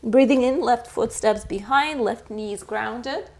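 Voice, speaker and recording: A young woman teaching a beginner yoga class, calmly cueing each breath and pose and encouraging the students between rounds. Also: fairly high pitch, creaky. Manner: slow, calm cueing of breath and poses. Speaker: yoga instructor. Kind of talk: guided yoga class instruction.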